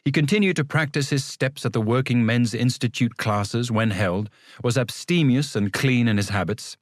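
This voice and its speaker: A man's voice: medium pitch, normal speed, no room sound, studio quality. A man reading a literary story as a scripted audiobook narration.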